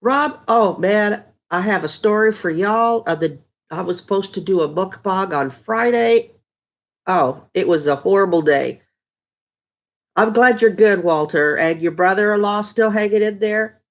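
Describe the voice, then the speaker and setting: A middle-aged Texan woman, her nose stuffy and congested, talks at a measured pace in a medium-pitched, nasal voice. She's live streaming from home, casually reading viewer comments and greeting people by name.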